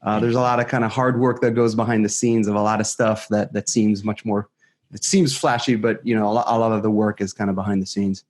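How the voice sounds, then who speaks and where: A man's voice: lowish voice, flat delivery, fairly quick, a little mellow. A man from Israel, a security expert guest, talking casually in an interview with many fillers and restarts, recorded at home in his kitchen on a studio mic. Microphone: studio microphone.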